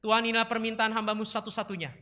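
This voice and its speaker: Bright-voiced man preaching a sermon. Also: high voice, racing. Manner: lively storytelling, acts out characters' lines loudly. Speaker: pastor.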